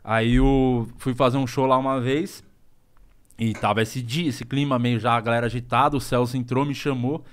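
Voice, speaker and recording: A man, a stand-up comedian telling stories as a guest on a podcast, slangy and animated, swearing freely. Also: medium pitch, normal speed. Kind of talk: casual storytelling on a podcast.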